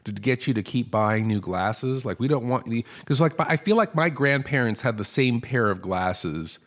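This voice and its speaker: A man's voice: mid-range voice, expressive, normal speed. A man hosting a comedy podcast, chatting casually and rambling, often stammering and restarting his sentences. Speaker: podcast host.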